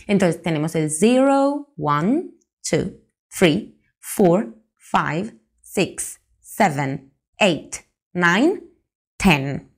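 A young woman with a Spanish accent from Spain gives a chatty YouTube English lesson, stretching out her example words. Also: mid-range voice. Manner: lively, chatty, drawn-out model words. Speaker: English teacher.

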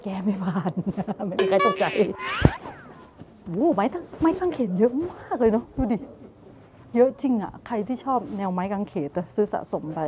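A woman's voice: medium pitch, lively intonation, moderate pace. A woman in her thirties chatting to viewers as she tastes snacks and browses a market, filmed outdoors at arm's length. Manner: chatty, tasting and commenting, talks to viewers. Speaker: travel vlogger. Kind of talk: casual food and market vlog. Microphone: handheld camera at arm's length. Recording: muffled outdoor recording with street noise.

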